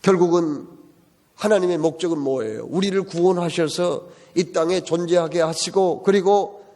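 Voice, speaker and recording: A man's voice: on the high side, moderate pace, warm tone. Man preaching in an echoing church hall. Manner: emphatic preaching with rhetorical questions. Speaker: pastor. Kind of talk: sermon. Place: church sanctuary. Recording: long church-hall reverb.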